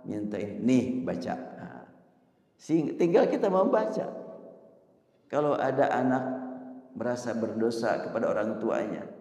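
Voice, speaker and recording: A man preaching a sermon in a mosque hall, swinging from loud emphasis to a hushed, near-whispered delivery. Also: mid-range voice, expressive, measured pace, creaky, pauses often. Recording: echoey hall with long reverb.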